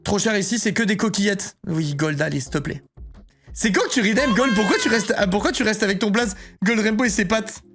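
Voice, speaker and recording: A man's voice: high voice, brisk, music in the background. A man streaming live, chatting casually and joking while he reads his chat aloud.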